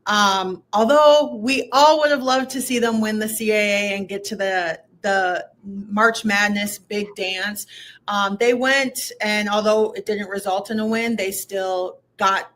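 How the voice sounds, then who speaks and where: A woman's voice: medium pitch, steady tone, unhurried, a bit bright. A young woman from Minnesota, a guest talking women's basketball in a casual interview, with lots of "um" and "like". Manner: chatty, many fillers like "um" and "like".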